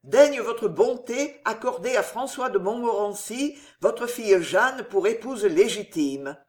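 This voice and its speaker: A reader voicing a calm, resolute young nobleman in an audiobook, speaking firmly and solemnly. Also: high-pitched, pitched above the performer's own voice. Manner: firm, solemn, measured. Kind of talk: audiobook character reading.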